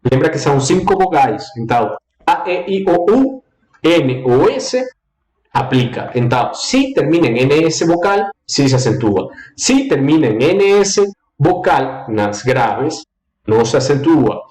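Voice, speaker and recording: A man teaching Spanish in a live online lesson, lively and repetitive, drilling the rules in a singsong way and mixing Portuguese with Spanish. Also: fairly high pitch, measured pace, reverberant.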